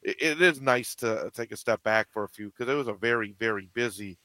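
A man's voice: medium pitch, fairly quick, bright, forceful tone, dry recording. A man, a local sports radio announcer, chatting as a guest in a rambling way with many restarts. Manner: rambling, lots of restarts and fillers. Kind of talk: casual radio chat.

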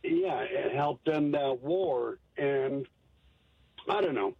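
A man calling in to a radio talk show on a crackly cell phone from his car, the line fading in and out, speaking haltingly with pauses and restarts. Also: mid-range voice, lively intonation, creaky, husky, no room sound. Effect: crackly cell phone call from a car, fading in and out. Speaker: caller.

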